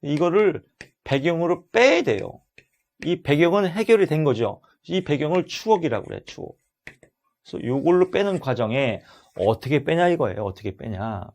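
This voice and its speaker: A middle-aged man giving an exam-prep lecture, loud and animated, acting out little dialogues as he teaches. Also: fairly high pitch, normal speed.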